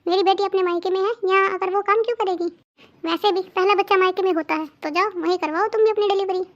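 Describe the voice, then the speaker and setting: A woman voicing a bossy mother-in-law in a cartoon who scolds loudly and commands. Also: very high-pitched, steady tone, fast, muffled recording. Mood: scolding. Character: bossy middle-aged Indian mother-in-law, favors her daughter. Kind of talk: cartoon voice acting.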